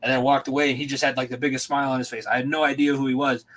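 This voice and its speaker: A man's voice: mid-range voice, level tone, racing, a bit bright, low-quality recording. A young adult man hosting a casual podcast, talking earnestly and reflectively about teaching, with rambling restarts.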